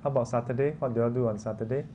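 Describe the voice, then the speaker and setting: A medium-pitched male voice, fairly even in intonation and dark in tone, comes out rapid-fire. He has a Singaporean or Malaysian accent and leads an informal, interactive class, chatting and regularly dropping short questions with local particles. Noisy room ambience is plainly audible.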